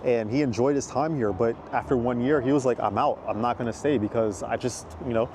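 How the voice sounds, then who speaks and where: Strolling along a city park path outdoors, a man from the United States vlogs in a loose, meandering style full of filler words. He speaks briskly in a mid-range voice, with noise in the background.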